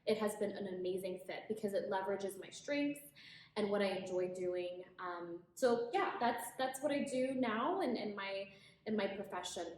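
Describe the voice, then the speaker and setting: A woman's voice: mid-range voice, moderate pace, darkish tone. A woman in her late twenties, originally from Ethiopia, speaking as a guest in a casual interview, upbeat and earnest, with frequent restarts. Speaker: guest, HR professional. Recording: very echoey room, faint ambient noise.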